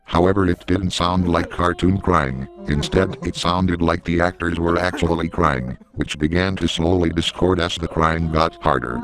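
A man giving scripted horror story narration in a steady, measured way, recorded on a close mic. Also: deep voice, low-quality recording.

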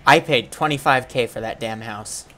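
A man's voice: mid-range voice, normal speed, bright, forceful tone, a little hiss or hum. A man chatting casually while playing a video game, goofy and playful, tossing out silly sound effects. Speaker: gamer co-host. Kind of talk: casual gaming chat.

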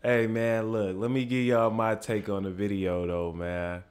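A man's voice: on the low side, little pitch movement, measured pace. Laid-back young man hosting a reaction. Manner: laid-back slang, frequent "man" and "you feel what I'm saying". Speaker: reaction video host. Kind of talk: casual reaction commentary.

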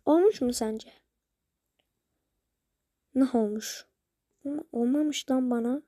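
Woman, high voice, casual vlog chat, rambling, grumbly, dry close sound. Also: takes it slowly, dark tone, no room sound. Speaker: video creator.

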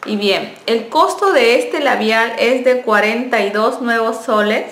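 A woman's voice: a little high, unhurried, fairly bright tone, a little hiss or hum. A young woman, chatting in a friendly way as she reviews a beauty product and corrects herself as she goes. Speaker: beauty vlogger. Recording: echoey room.

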